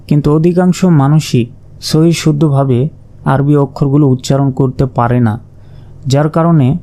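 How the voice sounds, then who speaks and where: A man's voice: mid-range voice, mellow. A man teaching Arabic letters in a patient, step-by-step lesson, repeating each sound and drawing some out. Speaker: Quran reading teacher. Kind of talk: slow recitation lesson.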